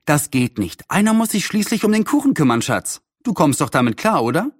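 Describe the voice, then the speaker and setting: A man voicing a busy, motherly middle-aged aunt in a storybook reading, brisk and a little scolding. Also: fairly high pitch, very animated, breathy edge, dry recording, studio quality, pitched above the performer's own voice.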